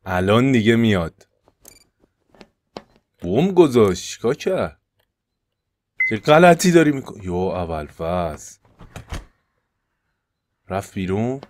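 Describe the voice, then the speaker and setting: A man with an Iranian Persian accent doing let's-play commentary as a gaming YouTuber. He swings between loud panicked yelps and hushed, tense muttering. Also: lowish voice, sing-song, long pauses, a little hiss or hum.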